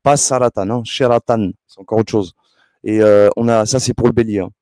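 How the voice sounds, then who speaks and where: Male host, mellow tone, dry recording, rambling and combative delivery. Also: fairly low pitch, level tone, brisk, dry recording. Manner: heated, scolding, lots of hesitations. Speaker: channel host. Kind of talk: rambling esoteric monologue.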